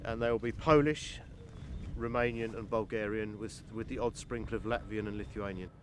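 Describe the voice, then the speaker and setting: A man who manages a farm, talking loudly and enthusiastically in an outdoor interview, often restarting his sentences. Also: lowish voice, fairly even intonation, normal speed. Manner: enthusiastic, loud, rambling with restarts. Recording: noisy outdoor background.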